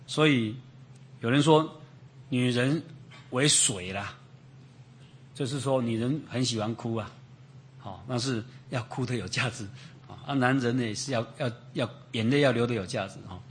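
Speaking in a mid-range voice, this male preacher works through a Bible passage expositorily and conversationally. He repeats phrases, asks rhetorical questions, and fills gaps with long, drawn-out interjections.

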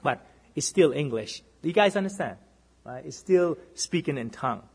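This Boston-accented minister's sermon comes in a slightly husky, higher-than-normal voice, animated and at a moderate pace. Again and again he checks with the congregation, "right?", alternating forceful lifts with soft, dropped repeats.

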